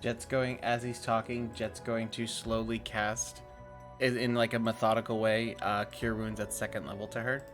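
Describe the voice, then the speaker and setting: A man's voice: lowish voice, little pitch movement, moderate pace, over music. A man player in a tabletop game, describing his character's actions in casual chat.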